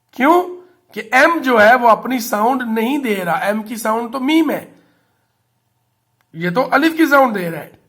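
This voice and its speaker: A man's voice: extremely high pitch, a bit bright. A male teacher giving a classroom lesson, patiently explaining and spelling words out letter by letter. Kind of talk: classroom lesson on English articles.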